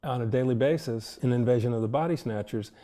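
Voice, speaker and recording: An older man with a mellow, warm voice recalls his work as a film director in an interview. His delivery is thoughtful and anecdotal, and light chuckles come through. He speaks in an easy, middle-pitched voice. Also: fast talker. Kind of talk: reflective interview storytelling.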